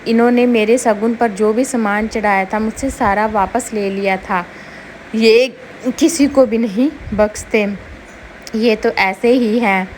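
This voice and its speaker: A woman voicing a kind young elder sister-in-law who gently comforts the new bride. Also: a little high, fairly even intonation, unhurried, a little hiss or hum, natural voice. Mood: soothing. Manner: soothing, gentle.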